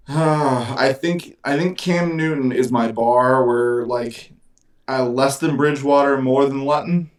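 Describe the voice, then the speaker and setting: A man co-hosting a casual sports podcast, relaxed and rambling, acting out little quotes. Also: mid-range voice, takes it slowly. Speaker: podcast co-host.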